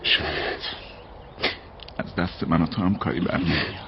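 An actor dubbing a young servant man who calms his tearful sweetheart with quiet resignation. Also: low-pitched. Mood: resigned. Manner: soothing, resigned. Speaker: dub actor. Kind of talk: dubbed period drama. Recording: dull audio with steady hiss.

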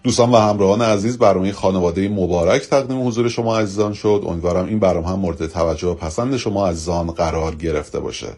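Radio announcer, man, very deep voice, formal and courteous. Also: few pauses, a little mellow. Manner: smooth, courteous.

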